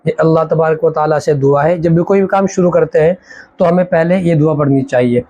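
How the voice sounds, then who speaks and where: A man teaching a Quran reading lesson as an Arabic teacher, drawing out each letter slowly and explaining how to say it. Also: a little high, dark tone, rough recording. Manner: slow, drawn-out recitation of letters with explanations.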